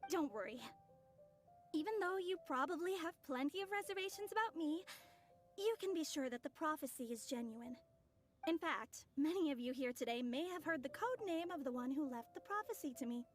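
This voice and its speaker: A woman's voice: high voice, lively intonation, a little fast. A woman voicing a confident, mysterious young woman in a video game, poised, formal and slyly teasing. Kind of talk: scripted video game dialogue. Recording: music under the voice.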